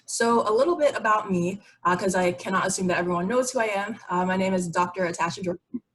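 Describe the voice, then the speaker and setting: A fast-talking young Barbadian woman with a mid-range voice explains material in an informal, conversational educational presentation. She's a psychiatry resident sharing slides in an online video meeting, and the recording is rough.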